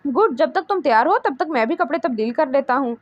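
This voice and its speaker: A woman reading the lines of a young man comforting his sister in a soft, affectionate way. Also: high-pitched, expressive, fast talker, no room sound, dull audio. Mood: gentle. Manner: soothing, affectionate. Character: caring older brother, gentle and reassuring.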